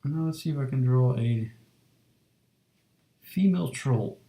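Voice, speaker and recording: A man in his thirties sketches fan art on a live stream, chatting easily with viewers and reading their messages. His mid-range voice is dark, mellow and gravelly, soft and relaxed, unhurried, with loose talk full of fillers. The audio carries the echo of a roomy home studio.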